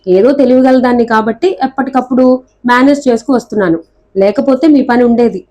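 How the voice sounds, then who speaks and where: A woman voicing a clever, quick-witted young woman who scolds and pleads theatrically in a storybook reading. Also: a little high, warm tone, natural voice. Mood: brisk.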